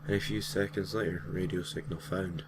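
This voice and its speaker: A low-pitched man with fairly even intonation reads at a moderate pace against a noisy background. The host and narrator of a gaming creepypasta series, he tells a gaming story informally from a script, with casual, slightly hesitant asides.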